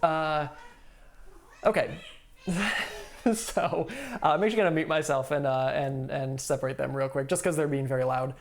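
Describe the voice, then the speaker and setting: Man, gravelly voice, mid pitch, easygoing, explaining game rules on a home stream. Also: fast, few pauses. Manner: easygoing, explanatory, thinks aloud with many fillers. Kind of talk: live stream explaining a solo board game. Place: home room.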